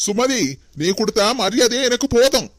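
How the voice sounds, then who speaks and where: A woman's voice: on the high side, moderate pace, noisy background, close to an everyday voice. A woman with a Kanyakumari Tamil accent voicing a proud older brother in a cartoon, scolding his sister indignantly.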